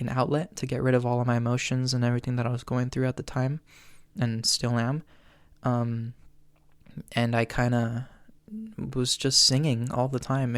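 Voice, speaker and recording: A podcast host in his twenties chats earnestly through a solo listener Q&A, with ums and little laughs between thoughts. His mid-range voice is smooth and clear but has a tired edge he says can crack, and he speaks in a fairly flat, even tone. He's close to the mic in a dry room with no echo.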